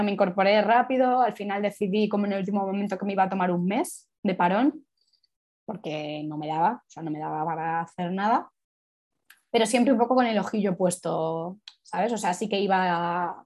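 A woman's voice: medium pitch, darkish tone. A woman sexologist, reflecting candidly in a casual interview and rambling through many asides.

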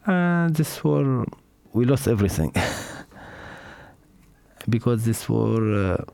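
A middle-aged man from Syria with a Syrian accent, telling his family's story in halting non-native English full of fillers and restarts. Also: mid-range voice, lively intonation, vocal fry, dark tone, no echo. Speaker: interviewee, father. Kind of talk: personal testimony.

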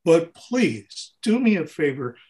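Speaking slowly in a strikingly high voice, an interview guest who plays keyboards on tour tells lively, informal stories from the road. He acts out what people said, imitates sounds, and repeats phrases to drive them home.

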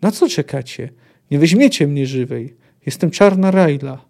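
A battle-hardened woman mercenary, fierce and defiant, hurling her words at her enemies, as a man reads her lines from a book. The voice sits fairly high and sounds mellow. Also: very animated, moderate pace. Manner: defiant shouting. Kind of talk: book reading aloud.

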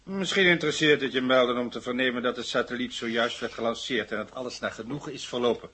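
A man's voice: medium pitch, quick pace, pushed and bright, slight background noise, close to an everyday voice. A man voicing a stern, skeptical police inspector questioning a suspect. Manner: dry, skeptical, authoritative.

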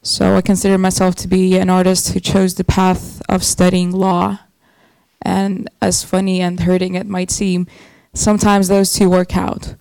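A woman's voice: fairly low pitch, completely flat delivery, a little slow, gravelly, a little mellow, no echo, poor audio. A woman from Estonia introducing herself as a speaker on a live panel. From Estonia, from Narva. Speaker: panelist, amateur musician and stand-up comic.

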